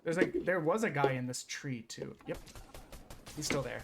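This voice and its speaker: A high-voiced man streams a game in loose, casual chat. He is excitable and swears freely, with faint game music playing underneath. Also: moderate pace, creaky. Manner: excitable, swears, laughs often. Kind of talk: casual live gameplay chat.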